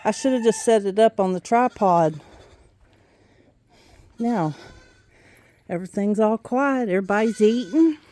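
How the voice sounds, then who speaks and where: Slow-talking woman vlogging farm chores. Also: animated, dark tone. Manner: high sing-song calls to animals, chatty asides to viewers. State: out of breath. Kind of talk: casual vlog narration while feeding animals. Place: outdoors on a small farm with goats, pigs and chickens. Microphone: handheld phone.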